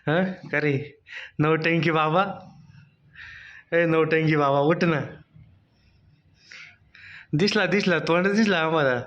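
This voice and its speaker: A man talks to the camera and to his toddler in a teasing, coaxing way. His voice sits fairly high for a man. The sound is dull and lo-fi, like a phone camera recording. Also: steady tone, slow, pauses often, fairly bright tone. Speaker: vlogger filming his small child. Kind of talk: casual family vlog, talking to camera and toddler.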